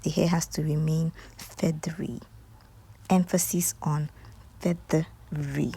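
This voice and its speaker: A Nigerian woman talking viewers through a hair tutorial in a casual voice-over, often dropping into soft, half-whispered asides. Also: sits low, flat delivery, a little slow, husky.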